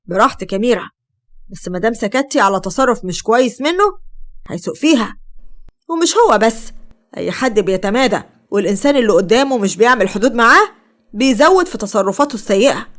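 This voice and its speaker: A woman's voice: on the high side, big pitch swings, quick pace. A woman with an Egyptian Arabic accent voicing a firm, caring male boss giving advice. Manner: firm, advising.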